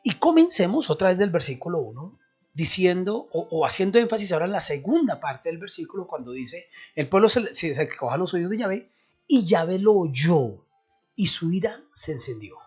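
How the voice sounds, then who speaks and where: A man's voice: sits high, normal speed, breathy edge. A man explaining a Bible passage on a radio program, asking and answering his own questions. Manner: animated, explanatory, asks and answers himself. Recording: dull radio recording with faint music.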